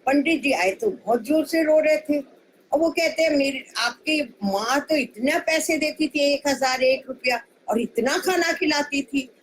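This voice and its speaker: A woman's voice: high voice, a little slow, slight background noise, rough recording. A woman voicing a kind-hearted, generous merchant's wife who talks in a soothing way, eager to please. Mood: explaining.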